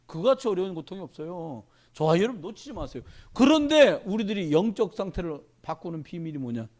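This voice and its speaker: A man's voice: sits high, sing-song, brisk, a little mellow. A middle-aged male pastor preaching a sermon to his congregation in a church, talking animatedly and addressing them directly.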